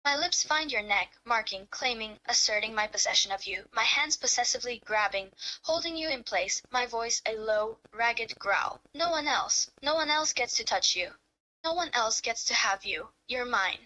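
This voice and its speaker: [name], a woman playing a bright-voiced possessive lover. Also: a little high, animated, normal speed, low-quality recording. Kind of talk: live-streamed romantic roleplay reading.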